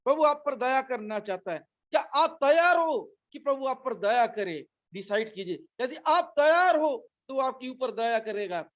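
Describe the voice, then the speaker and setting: A man's voice: extremely high pitch, animated, measured pace, hardly any pauses, a bit bright, lo-fi sound. A male pastor delivering an urgent sermon, repeating his calls to the listeners again and again. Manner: urgent, repetitive exhortation.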